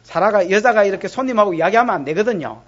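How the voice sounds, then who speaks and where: A woman pastor with a Gyeongsang accent preaching a lively, teasing sermon to her congregation during a church service. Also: mid-range voice, fast talker, slightly rough, dull audio. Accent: Gyeongsang Korean. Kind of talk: expository sermon.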